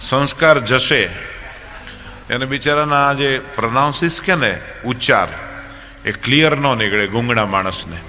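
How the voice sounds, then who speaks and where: A man's voice: medium pitch, normal speed, pushed and bright, big-room sound, slight background noise. A man with a Gujarati accent, a monk telling humorous stories in a religious discourse, acting out characters with changing voices. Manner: acts out characters with shifting voices. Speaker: monk storyteller.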